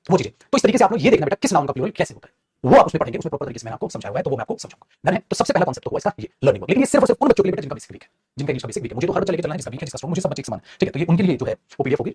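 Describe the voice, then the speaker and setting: Male teacher, young adult, husky, rapid and repetitive, live class lecture. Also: fairly high pitch, darkish tone. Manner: fast, repetitive, calls students beta. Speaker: English grammar teacher.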